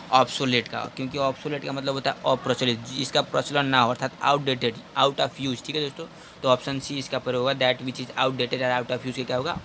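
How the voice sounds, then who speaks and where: Young male tutor, bright voice at mid pitch, slow explainer who keeps addressing viewers as friends; light background noise. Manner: reads English question lines slowly, then explains in Hindi. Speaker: English tutor for exam preparation. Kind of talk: exam-prep lesson.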